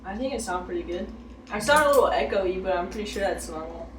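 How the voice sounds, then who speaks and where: A woman's voice: mid-range voice, expressive, fast, distant mic, a little hiss or hum. A young woman in casual chat, laughing and teasing, whose voice has an echoey, roomy sound. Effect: echoey, roomy sound on her voice. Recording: echoey room, voice off-mic with faint ambience.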